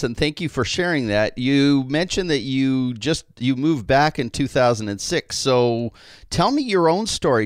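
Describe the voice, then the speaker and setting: A man hosts an industry podcast, running through news and then chatting with a guest. His voice sits at a middling pitch and comes across friendly and talkative. The recording is dry and close. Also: dry recording. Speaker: podcast host. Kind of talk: news rundown and interview.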